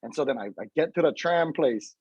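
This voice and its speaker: A man as a podcast guest, telling an animated story in casual chat and briefly putting on other people's voices. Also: a little high, fairly quick, slightly rough, dry recording, lo-fi sound.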